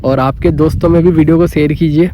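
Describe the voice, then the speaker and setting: A man's voice: a little high, fairly even intonation, fast talker, dark tone, slight background noise. A man explaining a motorbike brake repair in a casual, conversational way, often checking in with his viewers. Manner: conversational, repeats "guys" and "okay" often. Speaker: motorbike vlogger.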